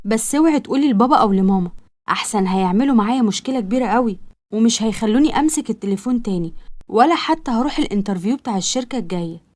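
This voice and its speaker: A woman's voice: a little high, lively intonation, rapid-fire, darkish tone. A woman with an Egyptian accent voicing a shy, proper young woman who speaks defensively. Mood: earnest. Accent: Egyptian Arabic.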